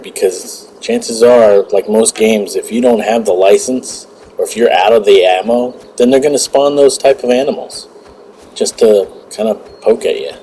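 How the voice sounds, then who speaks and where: A man's voice: on the low side, mellow, slight background noise, poor audio. A man giving casual, rambling commentary over a hunting video game, often restarting his words. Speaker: gaming channel host.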